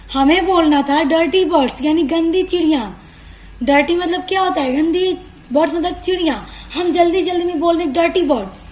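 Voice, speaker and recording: A high-pitched woman lectures students, walking them through each point step by step and slowing right down to read English lines. The sound is roomy and echoey, with a faint hiss under her voice. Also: a little mellow. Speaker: teacher. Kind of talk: lecture explaining literary terms. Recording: echoey room with faint noise.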